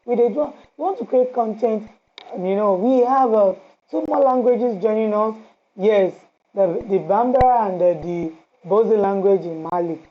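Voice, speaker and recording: A woman's voice: medium pitch, moderate pace. Impassioned Nigerian woman radio host. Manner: emotional, pleading, repeats phrases. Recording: slightly dull audio with faint noise.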